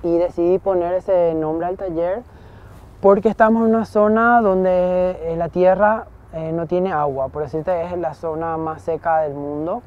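A man's voice: high voice, fairly even intonation, a little slow. A man from Paraguay explains his art workshop for a documentary, stopping often to gather his thoughts. The recording sounds a little dull and muffled. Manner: explanatory, with frequent fillers. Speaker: workshop artist. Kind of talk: documentary interview.

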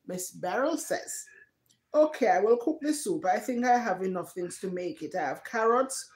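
A middle-aged woman with a Jamaican accent casually hosts a live stream from her living room, reading viewers' comments aloud. Her medium-pitched voice is expressive and darkish, at a moderate pace, with the roomy echo of the living room.

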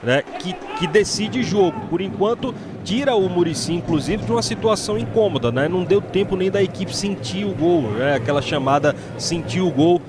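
Fairly high-voiced Brazilian male match analyst. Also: animated, moderate pace, hardly any pauses. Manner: conversational, often tagging phrases with "né". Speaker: football analyst. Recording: noisy outdoor stadium broadcast.

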